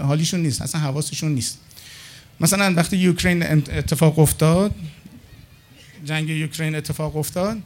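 A middle-aged man telling anecdotes in a casual monologue, acting out the other people's lines as he goes. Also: on the high side. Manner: animated, acts out dialogue with others in his anecdotes. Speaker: storyteller.

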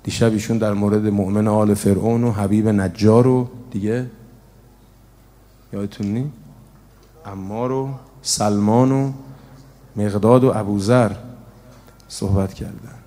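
A man giving a religious sermon, telling a story in a soft, then emphatic way to a gathering. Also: fairly low pitch, fairly even intonation, long pauses. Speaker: preacher. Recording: long hall reverb.

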